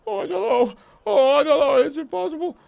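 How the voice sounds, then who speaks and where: A man's voice: on the high side, expressive, unhurried, darkish tone. A man voicing a squat, ugly, fearful fortune-teller creature in a game, hesitant and evasive, repeating himself plaintively. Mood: panicked, pleading. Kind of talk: game character dialogue read aloud.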